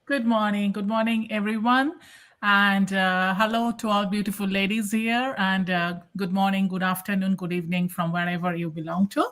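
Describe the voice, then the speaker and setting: A woman's voice: medium pitch, fairly even intonation, normal speed, fairly bright tone. A woman from Kolkata, India, introducing herself politely on a live online panel, with frequent fillers. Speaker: panel guest.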